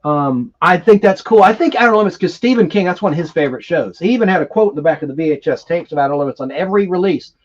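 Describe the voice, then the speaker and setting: A man's voice: a little high, animated, quick pace, hardly any pauses, muffled recording. A man hosting a casual nostalgic TV live stream, talking in a rambling, enthusiastic, geeky way.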